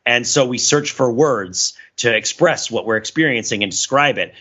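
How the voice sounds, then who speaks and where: In a dull, lo-fi recording, a podcast co-host talks analytically yet conversationally, explaining at length and building his points through examples. His mid-range voice is pushed, bright and slightly rough, at normal speed.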